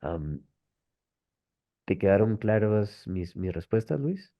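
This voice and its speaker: A man's voice: on the low side, big pitch swings, slow pace, mellow. A man hosting an online webinar, explaining patiently with many rhetorical tag questions over a video call. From Colombia. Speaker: webinar host, language method presenter. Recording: dull lo-fi call audio.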